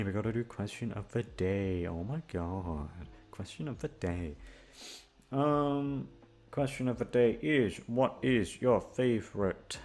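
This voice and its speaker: An audio roleplay creator with a fairly low, slightly mellow voice rambles casually in an outro chat with listeners. He is scattered and self-deprecating and swears freely, with background music playing.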